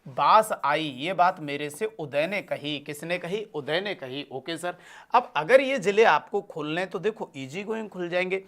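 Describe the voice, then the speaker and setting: Teaching live online for exam prep, this man speaks in a somewhat high, slightly bright voice with lively intonation and an unhurried pace. He works in a call-and-response style, supplying his own answers, calling viewers brothers and son, and reading their comments aloud.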